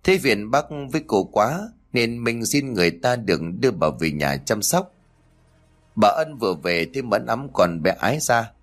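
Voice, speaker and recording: A man narrating a story in a steady, matter-of-fact way. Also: on the low side, normal speed. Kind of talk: scripted narration.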